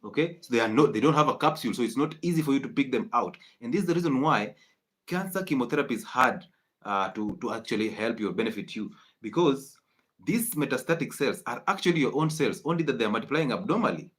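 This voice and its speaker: A man's voice: mid-range voice, lively intonation, quick pace, a bit bright. Emphatic man lecturing on health. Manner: emphatic, preachy, repeats key points. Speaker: health educator. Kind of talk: live-streamed health lecture.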